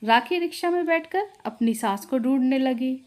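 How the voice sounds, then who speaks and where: A woman narrating a scripted family storybook tale in a steady, even manner. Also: high-pitched, normal speed.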